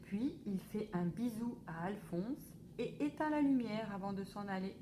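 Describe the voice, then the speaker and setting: A woman reading a children's picture book aloud for a library, slow and expressive. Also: medium pitch, noisy background. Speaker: library storyteller.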